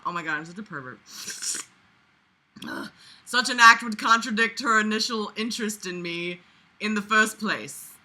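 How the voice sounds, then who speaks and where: Hosting a comedic read-along, this young woman speaks at a medium pitch with a pushed, bright tone. She reads from a book but keeps interrupting with sweary, disbelieving, sarcastic remarks, delivered in an exasperated, theatrical way.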